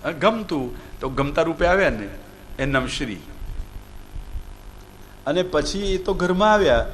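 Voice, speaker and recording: A man with a Gujarati accent preaching a devotional discourse, questioning his listeners and slowing down to stress key words. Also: on the high side, a little hiss or hum. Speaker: Bhagavat katha preacher.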